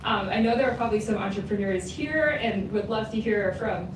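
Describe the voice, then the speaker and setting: A woman's voice: mid-range voice, brisk. Woman speaking in an echoing hall. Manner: frequent "um" fillers, earnest. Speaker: conference panelist from a development agency. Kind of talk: prepared panel remarks. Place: conference hall. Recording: echoey hall, mic far off, background noise.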